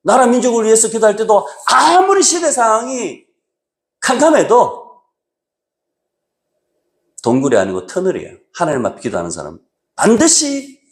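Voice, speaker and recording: A male pastor preaching a sermon, moving between raised exhortation and quiet low asides. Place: church sanctuary.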